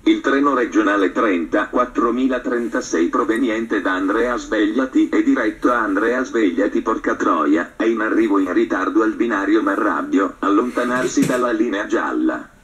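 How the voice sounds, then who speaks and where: Man faking a train station announcement, lowered voice, flat official drone, formal delivery. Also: normal speed, few pauses, natural voice. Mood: mock formal.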